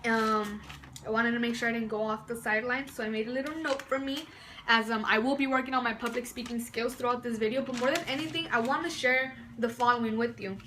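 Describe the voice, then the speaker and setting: Indoors at home, an early-20s vlogger born in Mexico and raised in Southern California talks enthusiastically and casually to camera, rambling through many fillers and restarts. Her voice sits on the high side with fairly even intonation and a quick pace, sounding pushed and bright. A little hiss or hum is audible.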